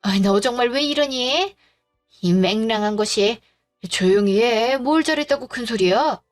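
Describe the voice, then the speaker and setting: Casting: gruff, scolding old father-in-law, read by a woman, faint music behind. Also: a little high, expressive, normal speed, lightly acted. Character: stern grumpy older father-in-law.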